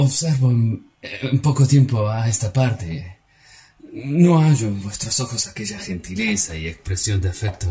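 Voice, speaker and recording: Performing a radio-drama monologue as Cassius, the persuasive, scheming Roman senator, this actor in his forties delivers an earnest, insistent declamation that halts slightly at times. His voice is lowish, mellow and slightly rough.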